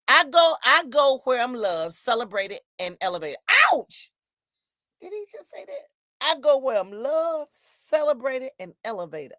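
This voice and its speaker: A woman's voice: fairly low pitch, a bit bright, dry recording, studio quality. A woman, hosting a solo podcast and reading out viewer comments in an emphatic, preachy, storytelling way. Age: 50s. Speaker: podcast host.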